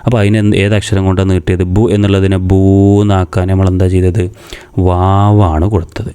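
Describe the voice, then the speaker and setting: Man, deep voice, warm dark tone, patient teacher, repeats each sound slowly. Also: little pitch movement, clean tone. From Kerala, India. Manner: patient, asks questions and answers them himself. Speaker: madrasa teacher. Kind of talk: step-by-step reading lesson.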